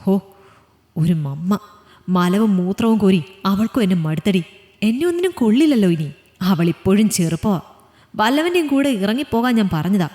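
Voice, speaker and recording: A woman's voice: mid-range voice, animated, moderate pace, warm tone, roomy sound, big-room sound, natural voice. A woman voicing a frail, bedridden older father in a storybook reading, bitter and self-pitying.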